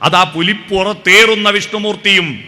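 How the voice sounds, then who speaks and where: Man, Kerala Malayalam accent, devotional talk, very bright ringing tone, slightly high voice, storytelling with sung lines. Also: normal speed. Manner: storytelling, sings snatches of hymns, rhetorical questions. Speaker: spiritual speaker.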